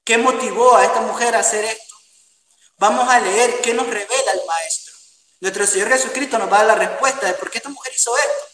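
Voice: mid-range voice, a little fast, a bit bright, distant mic. Preacher in an echoey hall. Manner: earnest, addresses congregation as beloved brothers and friends. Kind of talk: sermon. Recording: roomy hall, voice from afar.

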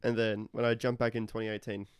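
Young man, low smooth voice, dry close sound, brash banter, casual chat. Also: flat delivery, fast, no room sound. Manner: brash, swearing, boastful banter. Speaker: competitive gamer.

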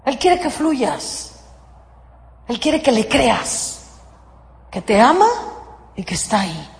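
A woman with a Mexican accent giving an inspirational sermon, dramatic and swinging between hushed and raised voice. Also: fairly high pitch, very animated, takes it slowly. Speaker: motivational spiritual speaker. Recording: echoey hall with long reverb.

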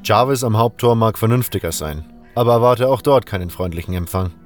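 Wolf, a calm friendly young hunter, as a man voices him. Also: lowish voice, a little fast, faint music behind, lightly acted. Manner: calm, easygoing, matter-of-fact.

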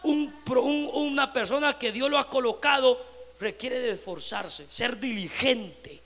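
A man preaching a sermon as pastor, dropping to quiet murmurs and rising to loud shouts. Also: very high-pitched, a little slow, in a large hall, soft background music. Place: church.

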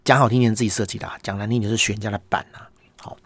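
A man with a Taiwanese Mandarin accent, a business owner hosting a podcast, delivers a chatty, casual monologue, telling stories in a wry, exasperated way and peppering his sentences with "hor" tags. His voice is lowish with fairly even intonation, and he races along. There's no room sound.

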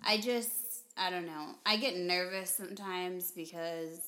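A woman's voice: on the low side, fairly even intonation, a little slow, sharp tone. A woman chatting casually with her husband for their vlog, chatty and giggly, rambling a little. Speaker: wife in a couple's vlog. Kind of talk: casual chat.

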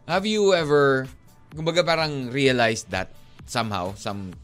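A man's voice: medium pitch, measured pace, a bit bright, faint music behind. A man co-hosting a radio show, chatting casually and rambling between Tagalog and English with frequent chuckles. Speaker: radio DJ and co-host. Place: radio studio.

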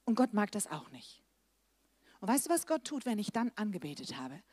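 A middle-aged woman evangelist preaching a lively sermon, swinging between loud emphasis and soft, low asides. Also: moderate pace, dry recording.

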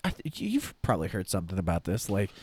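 A man's voice: sits low, wildly swooping pitch, fast, darkish tone. A man co-hosting a casual fitness podcast, playful and hesitant, with lots of fillers and the hiccups. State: has the hiccups. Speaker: podcast co-host. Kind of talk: casual chat.

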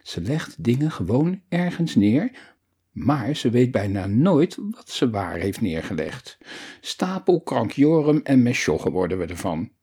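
A man reading a children's story aloud in an expressive storyteller's manner. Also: mid-range voice, measured pace, breathy edge.

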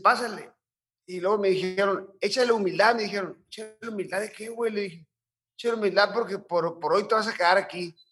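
A man's voice: sits high, a bit bright. A middle-aged man with a Mexican accent, telling his story as an interview guest in coarse slang, with many restarts.

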